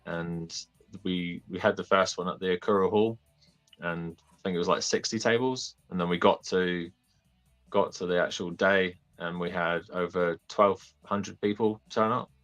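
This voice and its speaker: A young man with a New Zealand accent chatting casually and haltingly as a laid-back podcast guest. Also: sits low, steady tone, a bit bright, muffled recording, faint music behind. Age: young adult. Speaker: podcast guest, toy fair organiser. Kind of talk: casual chat.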